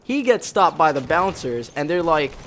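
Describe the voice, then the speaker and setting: Young man, Bronx-raised ex-Marine, slightly high voice, rambling swear-heavy storyteller. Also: very animated, normal speed, slight background noise. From the Bronx, New York. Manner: rambling, heavy swearing, frequent self-corrections. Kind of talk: casual profane storytelling over gameplay.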